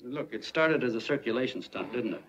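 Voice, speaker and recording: A man's voice: mid-range voice, expressive, a little fast, a bit bright, lightly acted. Guy playing a blunt stubborn ballplayer, muffled hissy old movie sound. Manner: blunt, refusing. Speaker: former baseball player. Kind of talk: 1940s film acting.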